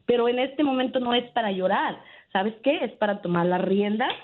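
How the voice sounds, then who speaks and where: A woman calling a radio show, telling a family story emphatically and checking in with "¿verdad?" often. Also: mid-range voice. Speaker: radio caller. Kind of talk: phone-in storytelling. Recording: tinny phone line.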